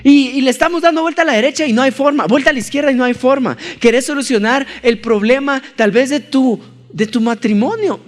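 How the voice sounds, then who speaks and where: Young male preacher, high voice, animated storyteller, church hall echo. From Colombia. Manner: animated storyteller acting out scenes. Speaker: pastor. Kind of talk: sermon with humorous personal story.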